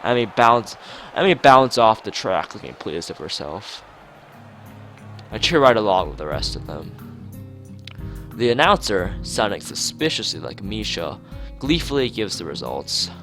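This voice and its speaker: This man's voice sits on the low side, with a sing-song, sharp quality and a measured pace. He's reading a visual novel aloud during a stream, making casual remarks and regularly stumbling and correcting himself over the game's background music.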